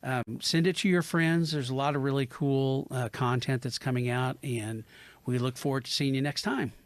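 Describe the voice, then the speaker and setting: This is a man hosting a casual podcast interview, his voice sitting at an ordinary mid pitch. He talks in an easygoing, upbeat way, tossing in short affirmations. The studio sound is dry and close. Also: fairly even intonation, normal speed, no echo. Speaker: podcast host.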